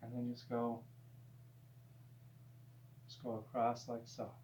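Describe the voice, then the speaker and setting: A man teaching painting in a gentle, easygoing, encouraging way, casually talking through each step as he demonstrates. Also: medium pitch, completely flat delivery, slow pace. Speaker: painting instructor. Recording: dull, roomy sound with faint hum.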